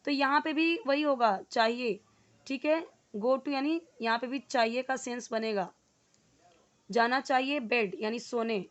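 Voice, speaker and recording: A woman with an Indian accent teaching a spoken English lesson, explaining slowly and repeating words and their meanings. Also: on the high side.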